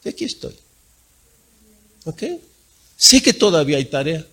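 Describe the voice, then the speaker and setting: Husky animated male pastor preaching. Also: a little slow. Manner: animated preaching, swinging from loud emphatic peaks to low quiet asides. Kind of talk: sermon.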